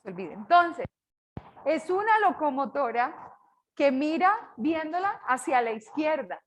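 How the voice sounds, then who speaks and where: An older woman from Colombia with a Colombian accent, teaching a class with a lively, joking manner. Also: sits high, a little slow, low-quality recording. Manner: lively, jokes with students. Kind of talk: online class lecture.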